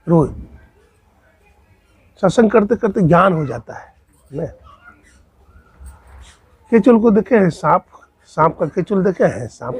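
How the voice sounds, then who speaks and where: A spiritual teacher preaches a Hindi sermon, telling a story with acted dialogue and posing rhetorical questions. His voice is on the high side, darkish and breathy-edged, in a dry recording.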